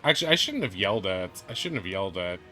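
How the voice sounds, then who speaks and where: A man running a tabletop role-playing game online, chatty and quick to laugh, often restarting his sentences. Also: low voice, big pitch swings, sharp tone, faint music behind. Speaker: game master.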